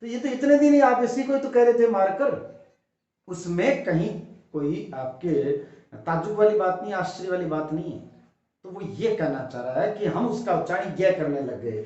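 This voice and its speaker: A man teaches at a whiteboard, his fairly high voice pressing each point with rhetorical questions. The room rings with heavy echo, and the recording sounds dull and lo-fi. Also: lively intonation, normal speed, warm tone. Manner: emphatic, explains step by step with rhetorical questions. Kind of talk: whiteboard lesson for exam students. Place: classroom with a whiteboard.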